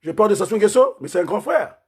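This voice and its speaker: A man delivering an impassioned political rant, firing off rhetorical questions and repeatedly raising his voice almost to a shout. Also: high-pitched, animated, quick pace, breathy edge. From Republic of the Congo. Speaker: political commentator.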